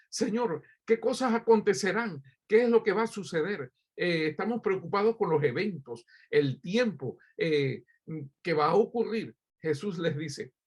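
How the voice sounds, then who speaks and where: A man with a high-pitched, husky voice preaches as a pastor; he's from Cuba. He speaks straight to his listeners, posing rhetorical questions and often hesitating with fillers.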